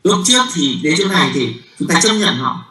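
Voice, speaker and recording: A man giving a university physics lecture. He talks haltingly, with many fillers and repeated words, and keeps checking with the class. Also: on the high side, animated, sharp tone, reverberant, poor audio.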